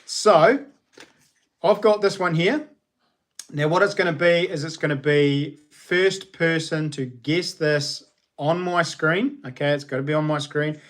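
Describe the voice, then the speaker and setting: Man, broad Kiwi accent, slightly raised pitch, matey slang, informal livestream hosting. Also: measured pace. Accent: broad New Zealand. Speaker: livestream host. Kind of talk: casual livestream chat with viewers.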